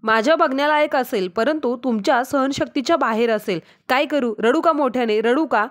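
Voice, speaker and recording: A woman's voice: sits high, moderate pace, natural voice. A woman reading the lines of a stubborn, teasing young wife answering back to her husband. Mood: teasing threat. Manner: teasing, defiant retorts.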